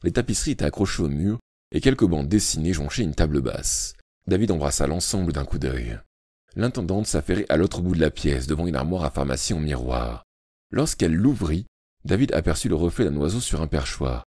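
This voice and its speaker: A man reading an audiobook aloud with expressive, dramatic storytelling narration. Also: rumbling low, a little fast, no room sound, clean studio sound.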